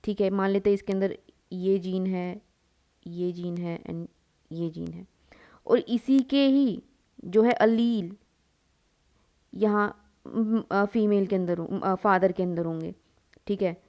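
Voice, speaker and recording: A woman's voice: medium pitch, steady tone, slow, long pauses, a little mellow. A young woman teaching a biology lecture, drawing as she explains, asking her students questions, answering them herself, and slipping English terms into her Hindi. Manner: calls listeners "beta" and mixes English into the talk. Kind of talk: classroom lecture while drawing.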